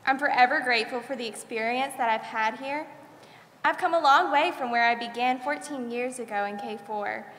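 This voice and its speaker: A woman's voice: a little high, fairly bright tone. A graduating senior girl in her late teens sincerely reading a devout farewell speech at a school chapel podium. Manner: sincere, devout thank-yous. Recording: echoey chapel with long reverb.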